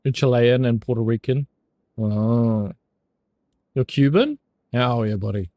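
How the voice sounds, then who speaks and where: A man's voice: mid-range voice, lively intonation, a little slow, dark tone, no echo. A young man with a New Zealand accent chatting casually with his viewers, loose and jokey, swearing freely and laughing often. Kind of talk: casual chat.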